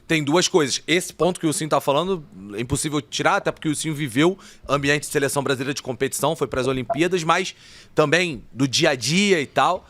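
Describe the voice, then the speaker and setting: A man commentating on a sports debate panel, measured and analytical. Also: a little high, a bit bright, dry recording.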